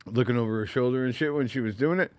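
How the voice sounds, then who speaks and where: A man's voice: mid-range voice, fast talker, dry recording, clean studio sound. A middle-aged man from the Boston area telling a long story in casual chat, swearing freely and acting out the voices in it. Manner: profane, laughing, acts out voices in his stories.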